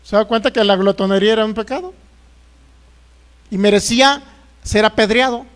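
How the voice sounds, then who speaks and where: A man's voice: sits high, moderate pace, a bit bright. A middle-aged man with a Jalisco Mexican accent, preaching a sermon as pastor, jokey and folksy, firing rhetorical questions.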